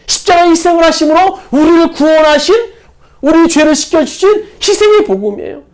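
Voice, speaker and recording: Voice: extremely high pitch, brisk. A pastor preaching a sermon in a church, stressing key words by repeating them. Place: church sanctuary.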